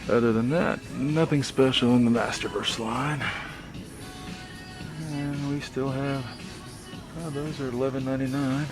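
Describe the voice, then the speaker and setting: A male vlog host mutters casually to himself while hunting for toys in a retail store aisle, with music in the background. His medium-pitched voice holds a steady tone, unhurried and full of pauses, on a low-quality recording.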